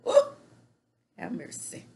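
A middle-aged woman takes her time, her voice a little mellow, as she gives a casual and opinionated reality-show recap with hand gestures. She's in a small room at home, captured by a webcam at desk distance amid slight background noise.

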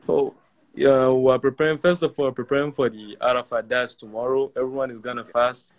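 A man's voice: mid-range voice, fairly even intonation, fairly quick. A young man calling in over a phone video call, speaking politely and formally. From Nigeria. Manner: polite, formal, repeats his thanks. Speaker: caller. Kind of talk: casual video call chat.

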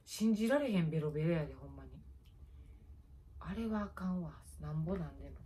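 A woman's voice: sits low, lively intonation, a little fast, dark tone. A middle-aged woman with a Kansai accent chatting casually late at night. She rambles through stories, mocks herself and talks while doing a face pack. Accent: Kansai Japanese. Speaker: YouTuber.

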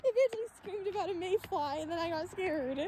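Giggly high-voiced girl vlogging. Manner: giggly, chatty, quick to laugh. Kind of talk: casual chat to camera. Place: outdoors at night, walking around town. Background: background music.

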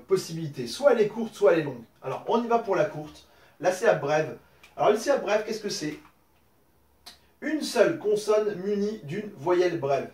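A man teaching an online lesson, explaining patiently step by step with many pauses and fillers. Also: a little high, darkish tone, echoey room, distant mic. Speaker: Arabic teacher.

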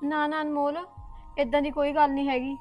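A woman playing an earnest high-voiced college girl. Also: little pitch movement, fairly quick, a little mellow, soft background music, close to an everyday voice. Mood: earnest, worried. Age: young adult. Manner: earnest, worried and pleading. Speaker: college student, the heroine. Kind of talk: short film acting.

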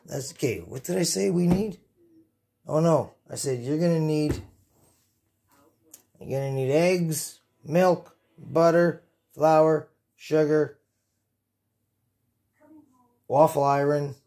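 A man's voice: fairly high pitch, takes it slowly, creaky, pauses often, dark tone. A man in his fifties rambling casually to camera as host of a home cooking vlog, giggly and tipsy, goofy and sweary, repeating himself, recorded on a phone in a kitchen. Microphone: phone, handheld then propped nearby.

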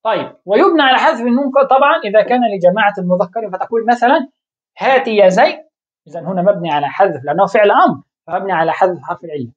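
A woman's voice: mid-range voice, animated, very fast. A woman teaching a grammar lesson, explaining step by step and posing questions to her students. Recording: dull lo-fi recording.

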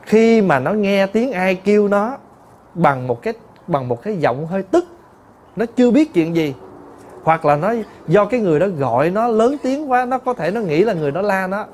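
A male Buddhist monk, giving a lively, chatty dharma talk told through stories. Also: sits high, moderate pace, a little hiss or hum.

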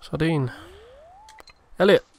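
A man's voice: on the high side, slow pace, a little hiss or hum. A man casually commenting on his own gameplay, chatty and swearing freely as he mutters along. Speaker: let's play host.

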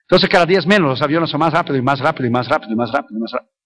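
A man's voice: fairly high pitch, animated, rapid-fire, fairly bright tone. A male evangelist preaching a sermon with emphatic repetition, dropping in English phrases.

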